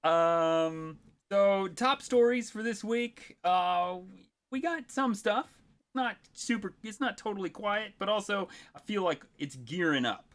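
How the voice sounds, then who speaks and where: A man with a slightly higher voice chats on a casual podcast, rambling through stories with plenty of fillers. He keeps breaking into laughter as he talks. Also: lively intonation, measured pace, a bit bright. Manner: rambling storyteller, laughs often, many fillers. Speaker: podcast co-host.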